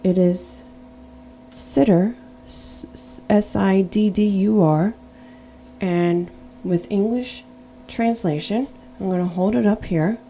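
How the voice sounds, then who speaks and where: A middle-aged woman gives a personal faith testimony in an earnest, storytelling way, occasionally spelling words out letter by letter. Her voice is medium-pitched, slow, and mellow, with slight background noise.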